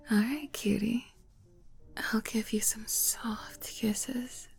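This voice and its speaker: Woman acting motherly flirty pamperer, whispered role-play, right-in-your-ear closeness, very slow, creaky edges, coaxing, doting. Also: on the high side, steady tone, soft background music, full character voice. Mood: tender, soothing. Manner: slow, coaxing, soft giggles.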